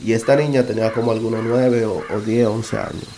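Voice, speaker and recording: A man telling his own experience in a casual, halting way, often stopping to correct himself. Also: on the low side, fairly even intonation, mellow, a little hiss or hum. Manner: halting, self-correcting, conversational. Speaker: podcast narrator. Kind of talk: casual first-person storytelling.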